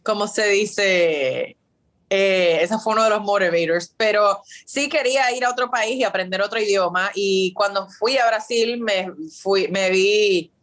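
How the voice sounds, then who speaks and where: Over a video call, a guest in her thirties from Puerto Rico answers interview questions in a talkative way, scattering fillers and English words through her Puerto Rican Spanish. Her voice is mid-range and a bit bright.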